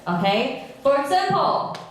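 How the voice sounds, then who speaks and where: Slow, patient woman teaching English. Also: high voice, very animated. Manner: patient, drills with repetition and questions. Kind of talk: classroom English lesson. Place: classroom. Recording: echoey classroom, from far off.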